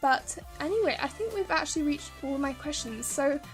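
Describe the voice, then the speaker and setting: In a casual voice-over Q&A, a woman YouTuber rambles along with plenty of ums and restarts, her voice slightly worn from long talking. She has a high, expressive voice at a normal speed, with faint music playing behind her.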